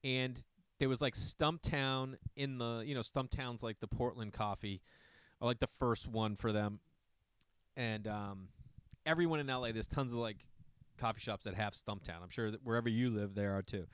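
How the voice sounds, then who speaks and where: Smooth-voiced rambling middle-aged man. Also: medium pitch, moderate pace, no room sound, studio quality. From Massachusetts. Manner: rambling, profane, chatty asides to listeners. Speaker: podcast host. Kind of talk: casual monologue.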